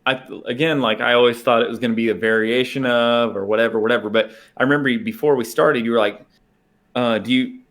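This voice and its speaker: Man, podcast co-host, casual chat, rambling, laughs a lot, medium pitch. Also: fairly even intonation, fast talker, a bit bright. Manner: rambling, laughs often, restarts sentences.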